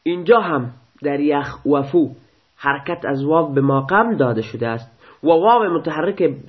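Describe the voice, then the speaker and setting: A man teaches a grammar lesson in a methodical way, repeating each form slowly as he explains it. His voice sits somewhat high. The recording sounds muffled and lo-fi. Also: expressive. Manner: explains step by step, repeats verb forms slowly.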